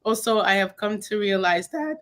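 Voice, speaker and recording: A young woman from Cameroon, a guest on a video call interview, speaking in a reflective, soft-spoken way with many fillers. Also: medium pitch, animated, moderate pace. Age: young adult. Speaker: guest, podcast host.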